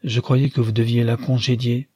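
A man reading aloud, voicing a composed, commanding old grandmother who gives counsel in a measured way. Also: mid-range voice, little pitch movement, darkish tone, husky, no echo, clean studio sound, natural voice. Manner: measured, authoritative.

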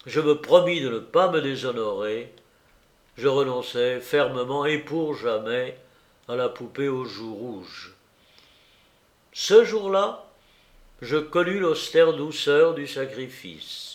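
A man narrating a literary story aloud in a measured, expressive reading. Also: mid-range voice, echoey room. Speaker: audiobook narrator.

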